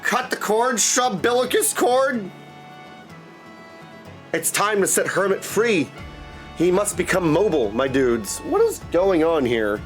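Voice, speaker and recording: High-pitched and very animated, this male game streamer speaks slowly with long pauses while music plays behind him. He chats casually with his livestream viewers, goofy and theatrical, tossing in made-up silly words and repeatedly greeting "my dudes" and "my friends." He's seated indoors at a streaming desk with a streamer microphone and headset.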